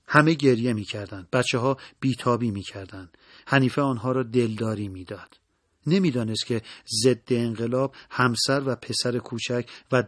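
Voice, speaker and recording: Male narrator, solemn measured storytelling, mid-pitched voice, dry close recording. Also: no room sound.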